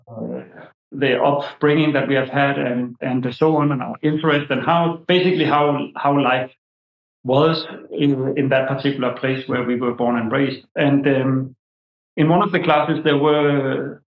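A Danish anthropology professor with a mid-range voice answers interview questions and tells stories as a guest. He's hesitant, using many fillers and restarting sentences. The room sounds echoey and dull.

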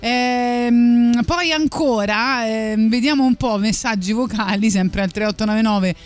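A woman's voice: a little high, a little slow. Woman radio host chatting over music. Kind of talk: casual live radio chat.

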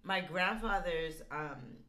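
Lively, bright-voiced woman telling stories. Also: lowish voice, slow pace. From United States. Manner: emphatic, storytelling. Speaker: podcast co-host. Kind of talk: casual podcast chat.

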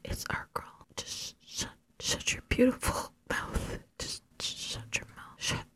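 A man whispering as a shushing friend in whispered role-play. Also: unhurried. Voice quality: breathy, hushed.

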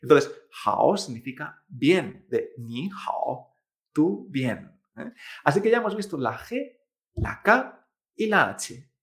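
A man's voice: a little high, sing-song, slow pace, a bit bright. A man, a Chinese teacher, giving a pronunciation lesson, drawing out model syllables and checking in with "¿eh?". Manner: addresses the listener directly, prompting repetition.

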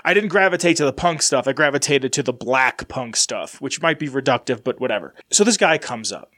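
Rambling chattily through a casual solo podcast while congested from a sinus infection, the host speaks a little fast. His mid-range voice is a bit bright, with lively intonation.

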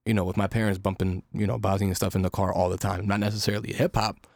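Young guy hosting a chill podcast, low flat voice, talks fast, asks rambling questions. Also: creaky, no echo, clean studio sound. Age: young adult. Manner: relaxed, probing questions, loose rambling phrasing. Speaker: podcast host. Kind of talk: casual podcast chat.

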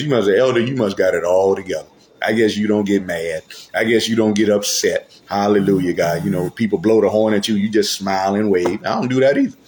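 Lower-voiced man preaching a casual sermon. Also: darkish tone, a little hiss or hum. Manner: repeats "hallelujah, God" between phrases; colloquial, conversational preaching with rhetorical questions. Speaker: elder preaching. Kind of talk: informal sermon.

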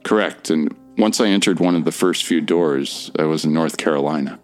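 A man's voice: a bass voice, moderate pace. A man playing a nervous young traveler stranded between worlds, talking in a hesitant, earnest way. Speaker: voice actor in an audio drama. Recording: faint music underneath.

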